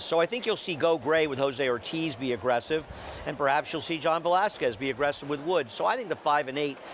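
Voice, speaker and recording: A man's voice: medium pitch, a bit bright. Male analyst at a noisy racetrack. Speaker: horse racing analyst. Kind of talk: live analysis chat at a racetrack. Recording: noisy outdoor trackside broadcast.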